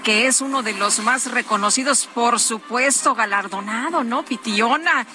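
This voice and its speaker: A woman co-hosting a morning news broadcast from an open-air terrace, chatty and lively, with many fillers. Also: fairly high pitch, unhurried, noisy background. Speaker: news co-host reporter.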